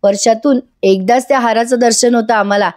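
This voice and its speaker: A woman's voice: on the high side, fairly even intonation, brisk, a little mellow, dry recording, studio quality, close to an everyday voice. A woman reading a young man's lines aloud in a TV serial review, insistent and pushy. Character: young man, brother, pushy.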